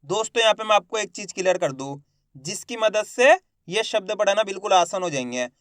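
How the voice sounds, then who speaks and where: A man with a high, smooth voice teaches Hindi reading. He sounds out each syllable slowly and patiently, then blends them into the whole word. The recording is close and dry. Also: expressive, fairly bright tone, dry recording. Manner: slow, drawn-out syllables, addresses viewers as friends. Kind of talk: spelling-out reading lesson.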